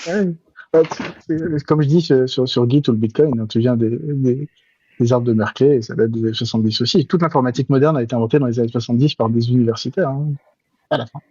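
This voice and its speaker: Husky, chatty man in his forties. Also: mid-range voice, fast, dark tone, no echo. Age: 40s. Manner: stammering, chatty, joking. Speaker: guest. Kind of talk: casual tech discussion. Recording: dry, dull lo-fi sound.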